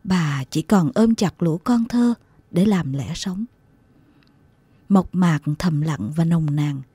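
A woman reading a heartfelt story aloud as a narrator, slow and tender in her storytelling. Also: lowish voice, dark tone, husky, no room sound. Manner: slow, tender storytelling with emotional acted quotes. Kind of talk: scripted audiobook narration.

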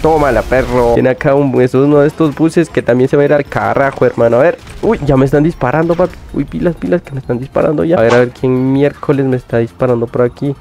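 Excitable young man yelping through gameplay. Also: fast, gravelly, hardly any pauses, soft background music. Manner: excitable, yelps "uy" constantly, laughs often, voice jumps high when startled. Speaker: gaming youtuber.

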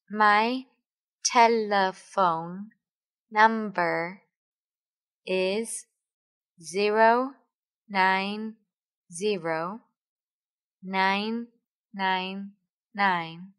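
A woman slowly reading English phrases for learners, one word at a time and then the full sentence, as a studio voice-over. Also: mid-range voice, a bit bright, clear, resonant tone, no echo. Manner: reads each word separately, then the whole sentence. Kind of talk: slow word-by-word language drill.

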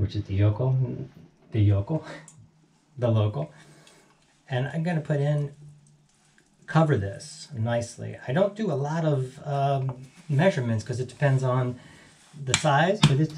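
An American man in his sixties hosts a relaxed home cooking vlog, chatting through each step in a small kitchen and correcting himself as he goes. His voice sits at a medium pitch with a slightly mellow quality. The home kitchen is noisy, with frying and sizzling in the background.

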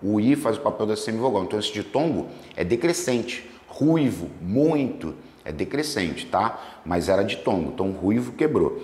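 A man with a lowish voice that swings widely in pitch walks through exam questions like a teacher at the board. He draws out words slowly to break them into syllables. The sound is roomy, with a long reverb tail. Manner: lively, stretches words slowly to spell out syllables. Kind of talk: solving exam questions on grammar.

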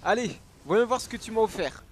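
Excitable French-speaking man gaming reactions. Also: high voice, a little fast, soft background music. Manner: exclamatory, swears often, repeats his exclamations. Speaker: gaming YouTuber. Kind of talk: excited reaction video commentary.

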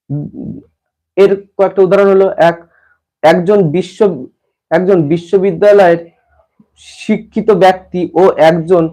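A man's voice: sits high, darkish tone, low-quality recording. A man from West Bengal teaching an exam-prep lesson to students. He often repeats phrases and restarts as he explains.

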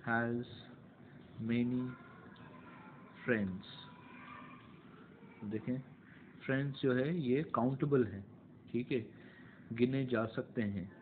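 A man teaching English grammar in a slow classroom explanation, repeating words and mixing English into Hindi. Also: mid-range voice. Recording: tinny phone-like audio with faint noise.

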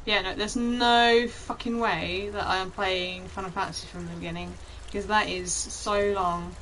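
A woman's voice: mid-range voice, steady tone, moderate pace, fairly bright tone, slight background noise, rough recording. Chatty swearing woman streaming a game. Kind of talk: casual let's-play commentary.

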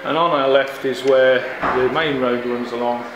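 Inside a large brewery full of echo, a middle-aged man who is the head brewer walks viewers around, talking in a plain, relaxed way with fillers. His voice is medium-pitched and steady. The close handheld camera following him also records the air-conditioning hum.

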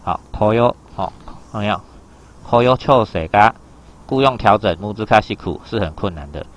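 A Japanese teacher leads an exam reading lesson, his fairly low voice animated and moderately paced. He explains in a loose, chatty way and keeps asking students if they're following.

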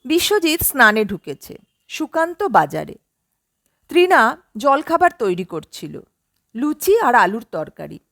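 A woman narrating an audiobook story in an expressive, measured storytelling manner on a close mic. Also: fairly high pitch, dry recording.

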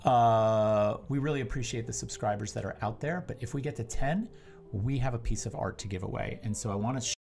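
Easygoing co-host with a gravelly voice. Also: male voice, medium pitch, a little fast, darkish tone. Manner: chatty, storytelling, easygoing. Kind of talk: casual live-stream chat.

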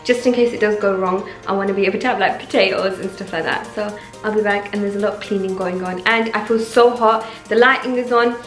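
Talking fast with hardly any pauses, a young woman uses a mid-range voice and fairly even intonation. The vlogger cooks in her home kitchen and chats cheerfully and rambling to viewers in a casual cooking vlog. The recording has a roomy kitchen echo and faint music in the background.

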